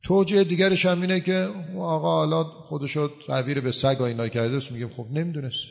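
A man's voice: fairly high pitch, fairly even intonation, vocal fry. A man giving a religious talk to a gathering, answering questions and explaining with everyday examples. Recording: long hall reverb.

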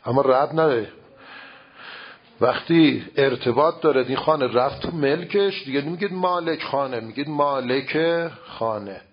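A man's voice: medium pitch, gravelly, husky. A man teaching religious philosophy in an informal lecture, explaining with everyday examples and rhetorical questions. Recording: dull lo-fi recording.

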